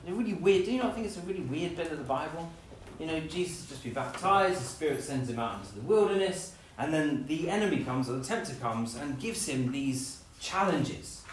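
A man preaching a lively sermon, acting out scenes with playful voices. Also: fairly high pitch, fairly quick, hardly any pauses, slight background noise. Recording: echoey room, from a distance.

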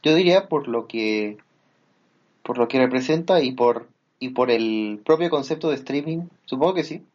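A man's voice: mid-range voice, lively intonation, moderate pace, darkish tone. Hesitant man on a dull recording. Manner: hesitant, many fillers. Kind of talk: casual chat.

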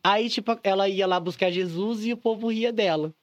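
A man guesting on a podcast as a drag singer, telling stories in an animated, gossipy way and laughing often. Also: high voice, moderate pace, dry recording. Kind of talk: casual chat.

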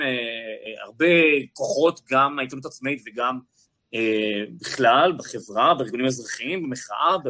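A man's voice: medium pitch, fairly bright tone, husky. A man speaking as a journalist on a panel, telling stories animatedly with many fillers. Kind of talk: panel discussion.

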